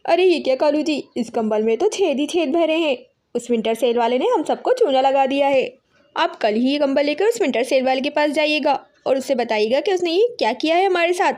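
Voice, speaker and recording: A woman's voice: high-pitched, lively intonation, brisk, darkish tone. A woman voicing a fussy, indignant female crow talking to her husband.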